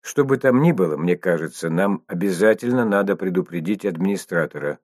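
A man's voice: sits low, animated, darkish tone, no echo, clean studio sound. A man reading an audiobook voicing a cautious, thoughtful male scientist who speaks hesitantly. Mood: uneasy. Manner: hesitant, measured.

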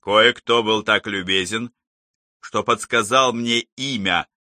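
A man's voice: fairly low pitch, slow, bright, forceful tone, no echo, studio quality, full character voice. A man voicing a coaxing male psychologist. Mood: pressing. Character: calm, persistent male psychologist probing a patient.

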